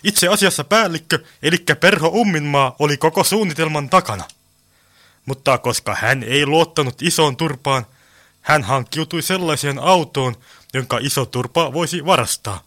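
A man's voice: a little high, sharp tone, no room sound. A man narrating an amateur comic radio play in a pompous, mock-official way.

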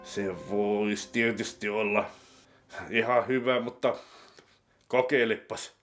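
A man voicing a scheming male boss with a gun, talking low, slow and deadpan. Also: soft background music, lightly acted.

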